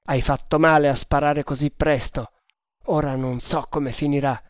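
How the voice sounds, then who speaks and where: A man reading an audiobook, voicing a resolute male snake hunter in a slower, lower tone. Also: steady tone, no room sound, studio quality, close to an everyday voice. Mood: grim. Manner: slow, low, measured.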